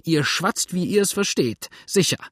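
A male reader voicing an indignant, chattering old widow with a shrill, scolding voice. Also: animated, normal speed, dry recording, studio quality, natural voice.

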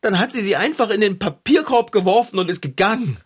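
A man playing an indignant young male friend who tells his grievance animatedly, with big jumps in pitch. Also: animated, a little fast, breathy edge.

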